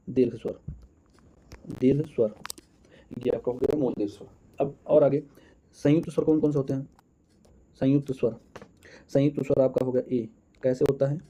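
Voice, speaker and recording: A man's voice: medium pitch, dark tone, husky, dull audio. A man teaching an exam-prep lesson, counting out answers aloud and calling his viewers friends.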